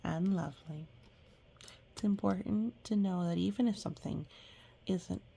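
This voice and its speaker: This is a woman with a husky, lowish voice and vocal fry, reading a picture book at normal speed. Her delivery mixes chatty asides and expressive reactions with gentle explanations aimed at young children.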